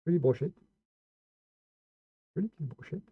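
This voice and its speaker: A man's voice: on the high side, lively intonation, moderate pace, husky, no room sound. A man giving casual gameplay commentary, chatty and playful, talking straight to his viewers. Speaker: streamer. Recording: tinny phone-like, dry sound.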